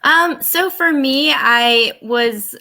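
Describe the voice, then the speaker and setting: A woman in her thirties from the United States, a physician and life coach, answering interview questions in an earnest, reflective way with hesitant pauses. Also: high-pitched, bright, forceful tone.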